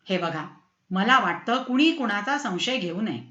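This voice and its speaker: A woman voicing a revered, meek elderly man who speaks softly and humbly in a storybook reading. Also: high voice, lively intonation, a little slow, roomy sound, lo-fi sound, exaggerated voice. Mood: calm. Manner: soft, humble.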